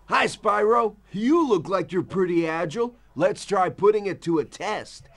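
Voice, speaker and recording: An upbeat young cartoon game coach, speaking like an earnest, determined anime hero. The voice sits high and moves with lively swings as it gives encouraging tutorial instructions. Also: male voice, moderate pace, full character voice. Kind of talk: video game tutorial voice acting.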